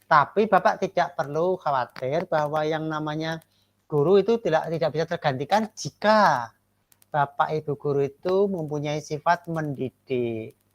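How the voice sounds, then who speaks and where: A man lecturing trainee teachers and giving them feedback. He keeps asking for agreement and slows down to stress key words. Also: fairly high pitch.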